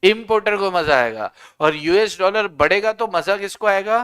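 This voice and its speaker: A man's voice: high-pitched, expressive, moderate pace, a bit bright, clean tone. A male economics teacher giving a conversational classroom lecture, putting questions to his students and answering them himself.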